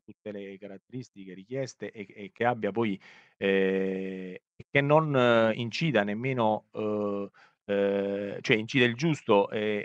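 Hesitant man on a muffled call. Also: no echo. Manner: hesitant, full of fillers and restarts. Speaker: webinar presenter. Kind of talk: halting presentation with many fillers. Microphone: video call. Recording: muffled low-fidelity web call audio.

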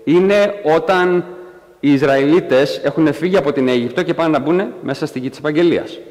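A man preaching a sermon in a church, animated and acting out quotes in a raised voice. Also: a little high, long reverb tail. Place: church hall.

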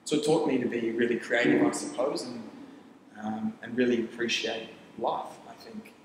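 Speaking Tok Pisin as his first language, a young founder from Papua New Guinea chats informally in an interview about his startup. His delivery wanders: phrases get restarted and ideas come out in quick lists, all in a mid-range voice. Slight background noise and a long, echoey reverb fill the armchair-furnished studio set.

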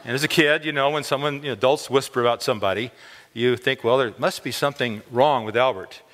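A man in his sixties telling a story in an animated chapel sermon, gesturing as he speaks on a large dark stage, with many stammered repeats when excited. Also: medium pitch, quick pace. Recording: long hall reverb.

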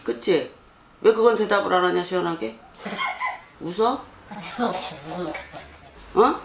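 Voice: medium pitch, slow, gravelly. Fortune teller, blunt scolding, keeps prodding with questions, roomy room, faint noise. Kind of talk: scolding counsel session.

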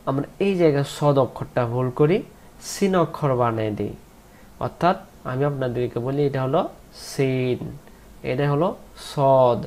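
A man teaching Quran pronunciation in a slow lesson, spelling out letters one by one and drawing out the recited words. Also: mid-range voice, darkish tone. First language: Bengali.

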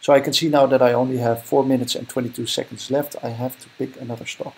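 Talking fast over a screen recording, a young Dutch investing vlogger gives casual commentary, thinking aloud and fixing his own words. His mid-range voice has little pitch movement, vocal fry, a darkish tone, and slight roughness, with a Dutch accent.

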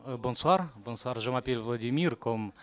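A man from Moldova reads poetry aloud at a library café evening. His French carries a heavy Russian accent, Russian being his first language. He speaks haltingly, apologizing for himself with dry humor, at an ordinary middle pitch. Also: background noise. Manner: hesitant, self-deprecating, halting. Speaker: guest reader. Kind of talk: reading poetry aloud at a live event.

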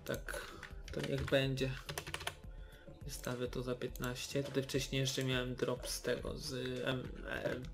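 A man's voice: medium pitch, completely flat delivery, measured pace, creaky. A young man giving casual, hesitant commentary while opening game loot boxes, with many fillers and restarts. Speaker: gaming YouTuber.

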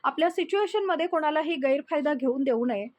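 Chatty woman recapping a serial, talks straight to viewers, opinionated, high-pitched voice. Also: animated, quick pace, darkish tone. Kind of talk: casual storytelling recap addressing viewers.

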